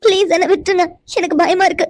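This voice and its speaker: A woman's voice: very high-pitched, fairly even intonation, fast talker, dry recording, clean studio sound. A woman voicing a shy, stammering young village girl. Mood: frightened. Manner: stammering, pleading. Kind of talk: cartoon voice acting.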